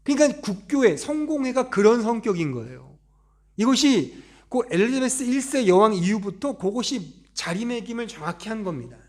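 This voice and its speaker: A male pastor giving a seminar-style sermon in church, chatting with the congregation, asking them questions and acting out quoted voices. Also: high voice. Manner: conversational, asks the congregation questions; acts out quoted voices in dialogue.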